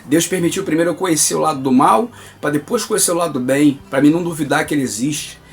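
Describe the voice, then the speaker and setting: A man's voice: fairly high pitch, quick pace. A man with a Brazilian Portuguese accent giving an earnest, emphatic religious testimony and calling his listeners brother.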